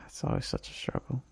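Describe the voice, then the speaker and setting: In an intimate ASMR roleplay voicemail, a man plays a homesick, tender boyfriend, full of longing and affection. He speaks softly and breathily in a natural voice with halting pauses and sighs, and there's no echo.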